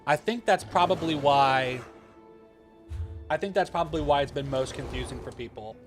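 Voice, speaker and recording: Guy streaming a game, kinda high voice, rambly casual chat, music going in the back. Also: normal speed. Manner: chatty, rambling, answers chat directly. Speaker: gaming livestream host.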